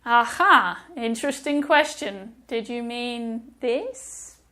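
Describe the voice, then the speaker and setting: A British woman teaching English in a friendly, explanatory way, stopping to pronounce words with care. Her voice sits high, and she talks at an unhurried, measured pace. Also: expressive. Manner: friendly, explanatory, careful pronunciation demos. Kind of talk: video lesson for learners.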